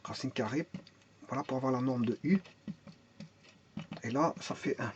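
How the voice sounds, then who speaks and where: A man's voice: medium pitch, normal speed, dull audio, a little hiss or hum. A man teaching a math and physics lesson, explaining step by step, thinking aloud, repeating words and restarting often, and asking and answering his own questions.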